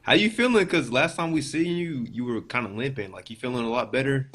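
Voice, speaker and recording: A man's voice: mid-range voice, animated, fairly quick, a bit bright. A young man co-hosting a show, asking questions in a casual sports interview style. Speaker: co-host interviewer.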